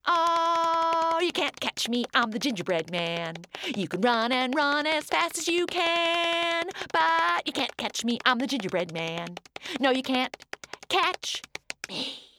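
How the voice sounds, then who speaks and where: A woman's voice: high-pitched, huge pitch swings, slow pace, fairly bright tone, a little hiss or hum, pitched above the performer's own voice, heavily acted. A woman voicing a cheeky, boastful little gingerbread man who taunts in a singsong chant. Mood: taunting.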